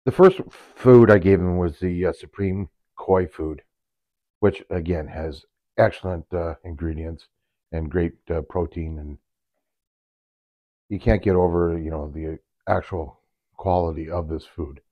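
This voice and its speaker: Older man, low-pitched and hoarse from a cold, pausing often as he reviews pond food. Dull, dry home recording. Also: fairly even intonation, dry recording. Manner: halting, pauses mid-sentence to find words. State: hoarse from a cold, voice cracking upward. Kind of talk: casual product review.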